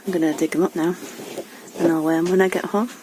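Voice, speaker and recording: A woman's voice: fairly low pitch, fairly even intonation, fast. A woman gardening vlogger chatting casually as she works outdoors at her allotment and talks to her dog. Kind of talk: casual vlog narration. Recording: outdoor recording with clear background noise.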